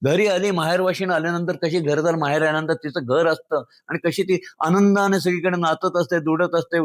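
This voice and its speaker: A man's voice: fairly high pitch, fairly even intonation, fairly quick, dry recording. Man from Maharashtra, heartfelt social-media talk with poem reading, earnest and emotional, dry recording. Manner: earnest, emotional, speaks directly to listeners as friends. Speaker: speaker addressing social media followers.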